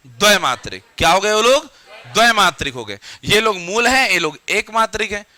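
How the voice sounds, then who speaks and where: A man with a high, very bright voice teaches a grammar lesson to a classroom. He keeps firing questions at the students and repeats their answers back to drill them. The sound is dry and close. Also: animated, a little fast, no room sound.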